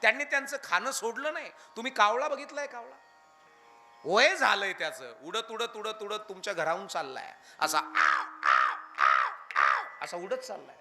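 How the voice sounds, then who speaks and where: High, bright-voiced preacher. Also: male voice, moderate pace. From Maharashtra, India. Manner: animated, firing questions at the audience; drops into chanted verse lines. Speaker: kirtan preacher. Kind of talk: devotional kirtan sermon.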